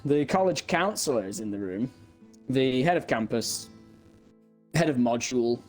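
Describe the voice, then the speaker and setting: A man's voice: medium pitch, expressive, moderate pace, faint music behind. Rambling young man telling a story. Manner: rambling, stammering with many restarts and mock-quoted dialogue. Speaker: podcast co-host. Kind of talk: casual comedic storytelling.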